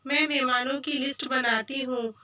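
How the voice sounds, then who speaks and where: A patient young daughter-in-law, polite but gently firm, as a woman reads her in a storybook. Her voice is high and bright, heard a little distant from the mic. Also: fairly even intonation, moderate pace. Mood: gentle.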